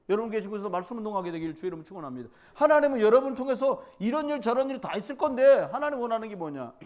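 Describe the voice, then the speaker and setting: A male pastor preaching a midweek church sermon, swinging between loud exhortation and quiet storytelling, and often putting questions straight to the congregation. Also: sits high. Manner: conversational, addresses congregation directly with questions.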